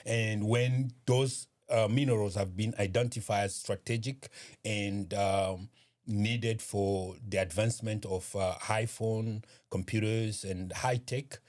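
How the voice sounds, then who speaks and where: A man from eastern Congo, speaking as a guest in an interview, measured and hesitant with many pauses and fillers. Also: fairly low pitch, fairly even intonation, darkish tone. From Eastern Democratic Republic of Congo. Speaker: guest, community organization founder. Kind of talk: interview conversation.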